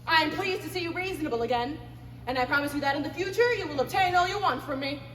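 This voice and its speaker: A woman's voice: high-pitched, quick pace, a bit bright. A woman playing a raging old miser. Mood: smug. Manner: blustering, theatrical outbursts. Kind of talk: stage play performance. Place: theater stage. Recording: echoey theater stage from far off.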